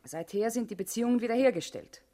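The same kind of role, a guarded, urgent female party comrade in a German radio play, is played with a grave, deliberate, husky and intimate voice. Here the pitch is fairly high and the tone dark, animated and lightly acted as she explains things tensely.

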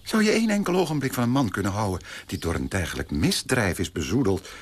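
A man playing a pompous, prim young gentleman in a radio play, turning indignant and shrill when shocked. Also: big pitch swings, quick pace, a little hiss or hum.

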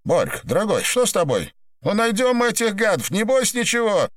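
A man's voice: high voice, huge pitch swings, fairly quick, no echo, clean studio sound, pitched above the performer's own voice, exaggerated voice. Man voicing a brash, swearing boss. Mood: exasperated. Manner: loud, coarse, bossy. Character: brash swearing male boss, middle-aged, impatient.

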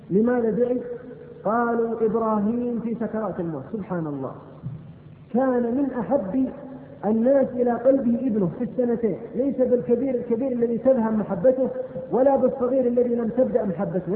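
High-pitched fast Saudi preacher, echoey hall. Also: male voice. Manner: fervent, storytelling preacher. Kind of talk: sermon. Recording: echoey hall, tinny phone-like sound.

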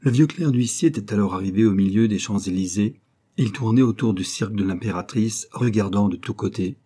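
Low, mellow male audiobook narrator. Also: slightly rough. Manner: measured storytelling. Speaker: audiobook reader. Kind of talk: scripted narration of a novel.

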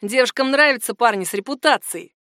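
A woman reading an audiobook, voicing a brash, scheming teenage boy who taunts and threatens in loud outbursts. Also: a little high, animated, brisk, no room sound, clean studio sound. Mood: taunting.

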